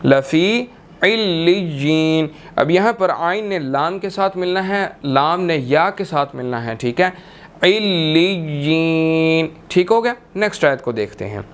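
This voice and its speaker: A man teaching tajweed, chanting verses slowly and melodically and then explaining them briskly. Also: on the high side, expressive. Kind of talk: tajweed lesson with chanted recitation.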